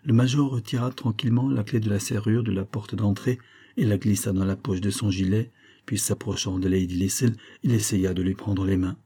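A man reading a classic novel aloud in a measured, dramatic narration. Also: on the low side, fairly even intonation, warm tone, slightly rough. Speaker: audiobook reader.

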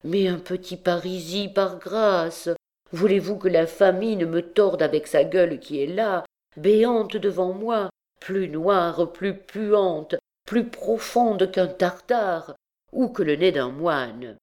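A woman's voice: fairly low pitch, takes it slowly, voice pushed up. A woman reading an audiobook, voicing a brash, mocking young male student who pleads and jokes theatrically. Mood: pleading. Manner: pleading then cheeky, loud and theatrical. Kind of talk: audiobook reading of a classic novel.

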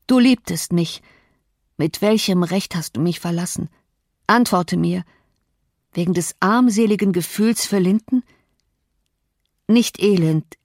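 A woman's voice: lowish voice, darkish tone, dry recording, clean studio sound, close to an everyday voice. A woman reading the lines of a brooding, bitter man torn by love, in an intense, reproachful tone.

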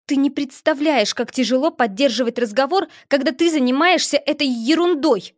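A woman's voice: lively intonation, normal speed, dry recording, studio quality. Woman voicing a spoiled, fiery young princess. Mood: furious. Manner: sweetly innocent, then shrill and furious. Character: haughty young princess, spoiled, quick to rage. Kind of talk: audiobook character voice.

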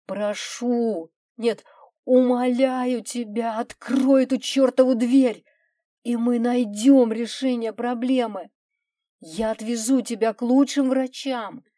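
A woman's voice: medium pitch, unhurried, warm tone, no echo, clean studio sound, natural voice. A woman voicing a loving husband who begs his wife to open the door, urgent and emotional. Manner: urgent pleading. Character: loving husband, pleading and determined.

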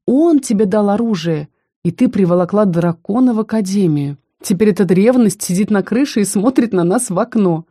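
A woman reading a stern, sensible young male student who sums things up in a measured way, in an audiobook. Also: medium pitch, warm tone, breathy edge, no room sound, clean studio sound, close to an everyday voice.

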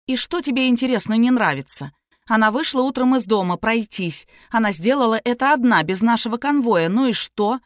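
A woman reading a sly, capricious young woman who talks sleepy and tender or sharp and snappish. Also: medium pitch, lively intonation, moderate pace, dry recording, studio quality, natural voice. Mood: snapping.

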